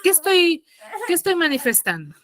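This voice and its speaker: A woman's voice: very high voice, very animated, moderate pace, a bit bright. A woman teacher giving an online grammar lesson on a video call, patiently checking in with her pupils after each point. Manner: patient, asks pupils frequent check-in questions.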